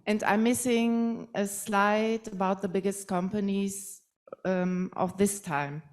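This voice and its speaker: A woman in the audience asking a question, hesitant and soft-spoken, with fillers as she searches for words. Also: mid-range voice, steady tone, slow pace.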